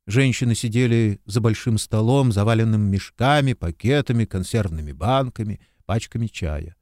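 A man narrating an audiobook in an expressive, measured storytelling voice, recorded close to the mic. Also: on the low side, no room sound. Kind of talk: scripted narration.

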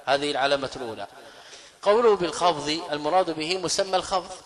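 A man, a scholar teaching grammar in a classroom lecture, who asks questions and answers them himself and slowly repeats key phrases. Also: a little high.

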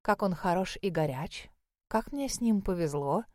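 A woman's voice: lowish voice, animated, moderate pace, darkish tone, dry recording, clean studio sound, natural voice. A woman voicing a playful, teasing young wife. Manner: playful, teasing, sometimes whispering.

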